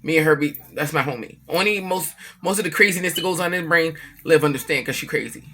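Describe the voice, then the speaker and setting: A woman vlogging casually about family, telling an animated, profane story and acting out what others said. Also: deep voice, fast talker. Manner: emphatic, repeats herself for effect.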